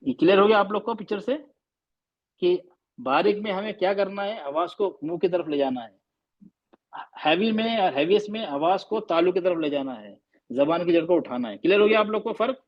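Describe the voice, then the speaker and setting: A man's voice: high-pitched, animated, a little fast, dull audio. A man teaching a class on pronouncing Arabic letters, patiently repeating and quizzing his students.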